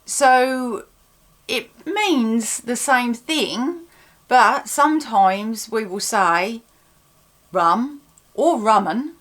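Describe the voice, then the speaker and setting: Woman, Suffolk East Anglian accent, slightly high voice, chatty explainer, everyday examples, video host. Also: animated, extremely slow, a bit bright. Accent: Suffolk, East Anglian English. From Suffolk, England. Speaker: host of a dialect video series. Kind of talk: informal explainer to viewers with example phrases.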